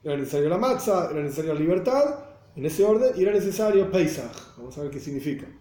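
This Torah teacher is an Argentine man with a Buenos Aires Spanish accent and a slightly high, mellow voice, with lively intonation and a quick pace. Teaching a religious class, he explains, poses rhetorical questions, and makes sure his listeners follow, all in a recording with roomy echo.

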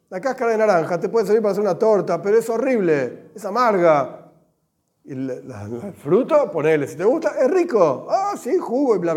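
A man with an Argentine Spanish accent gives a religious class, animated and joking, with Hebrew terms mixed in. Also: high-pitched. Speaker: religious teacher. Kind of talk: lively class with everyday examples.

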